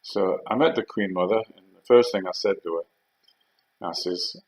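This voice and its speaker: Heard on a low-quality recording, the man's voice sits low with a darkish tone. He's an elderly Geordie veteran from Northeast England, recalling army tales anecdotally and casually, meandering without hurry and stumbling over fillers.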